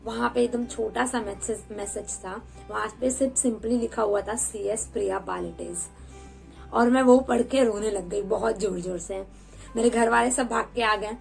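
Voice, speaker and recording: Candid young woman telling her story, gravelly. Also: fairly high pitch, steady tone, moderate pace, faint music behind, rough recording. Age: 20s. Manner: candid storytelling, mixing in English words. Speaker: vlogger. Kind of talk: personal story vlog.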